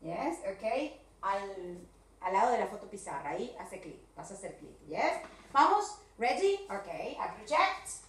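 A woman with a Rioplatense Spanish accent, an English teacher recording a video lesson for young children, drawing out slow model sentences and checking in often. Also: medium pitch, sing-song, recorded from a distance. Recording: echoey room, voice from off the mic.

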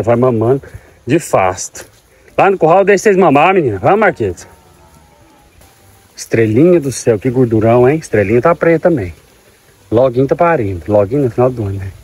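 A man's voice: medium pitch, darkish tone, slightly rough. Tender farmer talking to his cows. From Goiás, Brazil. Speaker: farmer and vlogger. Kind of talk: casual farm vlog. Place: outdoors on a farm, by a corral.

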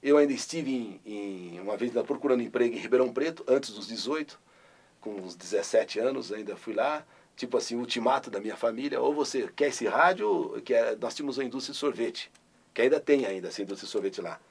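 A man's voice: medium pitch, animated, fast talker, slightly rough. An older man from Brazil, a radio host telling his story in an interview and bursting into his catchphrase. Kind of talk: interview recollection.

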